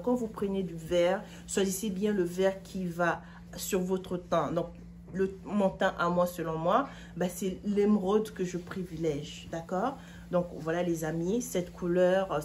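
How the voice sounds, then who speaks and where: A woman's voice: fairly low pitch, a little mellow, slight background noise. Chatty woman reviewing outfits on camera. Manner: chatty, opinionated, addresses viewers directly. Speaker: fashion vlogger. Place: living room, seated on a couch.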